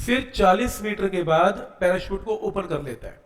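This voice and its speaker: A man's voice: sits high, moderate pace, reverberant, rough recording. A man teaching a physics lesson, explaining each step and checking in with his students. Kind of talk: exam-prep physics lesson.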